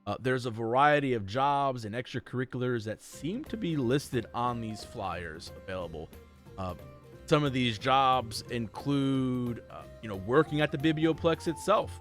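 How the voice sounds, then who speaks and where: A man's voice: mid-range voice, normal speed, faint music behind. A man running a tabletop game as dungeon master, narrating in a loose, rambling way full of fillers.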